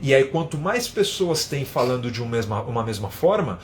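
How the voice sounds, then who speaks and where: A man teaching in a live online lesson, explaining with everyday examples and often adding a quick tag question. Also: mid-range voice, very animated, slight background noise. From São Paulo, Brazil. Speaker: English teacher.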